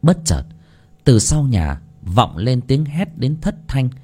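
A man narrating a ghost story in an expressive, dramatic way. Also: slow pace. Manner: expressive, swooping between high and low.

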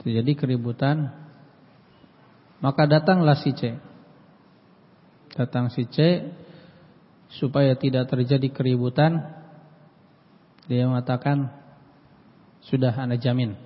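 A man giving a religious study lesson, reading Arabic passages and explaining them plainly, often repeating key words and clearing his throat. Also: mid-range voice, fairly even intonation, takes it slowly, pauses often. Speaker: Islamic study teacher. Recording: dull lo-fi audio with long hall reverb.

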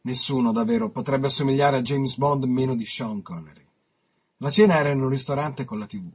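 A man on the radio reading his own written interview aloud, measured, with dramatic pauses. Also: medium pitch, darkish tone, husky.

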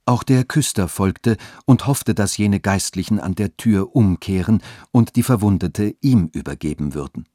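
Low-voiced male storyteller, dry sound. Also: normal speed, hardly any pauses, dry recording. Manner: calm, even storytelling. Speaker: narrator. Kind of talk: scripted narration of a radio story.

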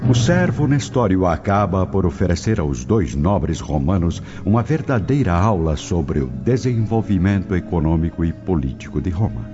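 Over prominent music and dull lo-fi audio, a man tells a scripted ancient Roman story as a solemn narrator. His voice sits low and sing-song, moving at normal speed with hardly any pauses.

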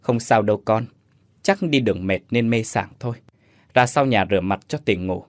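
A man voicing a gentle old village grandmother who talks in a soothing, affectionate way. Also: on the low side, normal speed, no room sound, natural voice.

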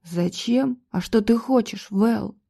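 Woman reading a curt, growling man, cold and threatening, soft mellow voice. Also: fairly high pitch, takes it slowly, creaky, full character voice. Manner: clipped, growling, menacing.

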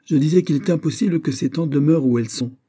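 A man's voice: fairly low pitch, normal speed, warm tone, breathy edge. A man reading aloud, voicing a hot-tempered, haughty young English duke in an audiobook. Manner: imperious, angry outbursts.

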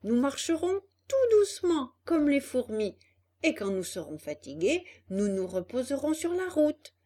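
A woman's voice: high-pitched, very animated, a little slow, voice pushed up. A woman doing an eager wooden puppet boy. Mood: earnest. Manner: bright, emphatic and raised. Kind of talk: storybook character voice.

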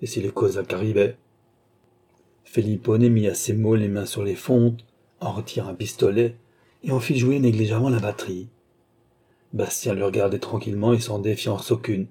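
A male audiobook narrator with a low, husky voice and a dark, mellow tone. He reads a classic novel in measured, steady narration.

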